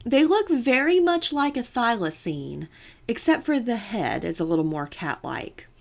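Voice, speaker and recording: A woman's voice: a little high, sing-song, measured pace, gravelly. Woman on a podcast, chatty and playful, tells it like a story with lots of asides. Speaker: podcast co-host. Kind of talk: casual podcast chat.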